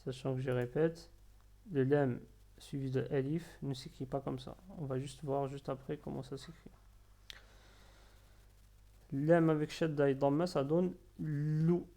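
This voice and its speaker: A man teaching Arabic letters step by step, patiently drilling syllables slowly and repeating them. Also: medium pitch, steady tone, dark tone. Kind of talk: slow step-by-step lesson.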